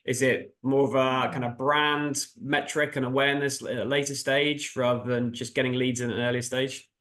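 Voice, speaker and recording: A man's voice: mid-range voice, flat delivery, normal speed, a bit bright. A man hosting a casual interview, feeling his way through loosely phrased questions. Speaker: host, interviewer.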